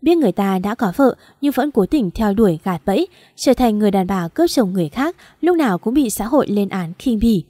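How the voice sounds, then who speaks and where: Một người phụ nữ đọc truyện audio, giọng kể đều và giàu kịch tính. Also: female voice, mid-range voice, brisk, few pauses, no room sound. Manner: steady, dramatic storytelling. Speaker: audiobook narrator. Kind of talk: scripted story narration.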